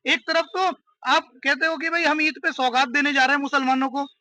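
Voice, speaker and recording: A man interviewed outside a mosque, speaking forcefully and indignantly in a street interview. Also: extremely high pitch, fairly even intonation, brisk. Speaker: worshipper interviewed.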